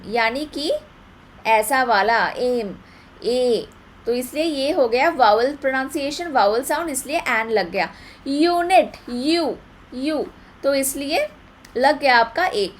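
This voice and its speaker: A young woman teaching English grammar in an online exam-prep lecture. She repeats words slowly to drill their pronunciation. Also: high-pitched, a little hiss or hum.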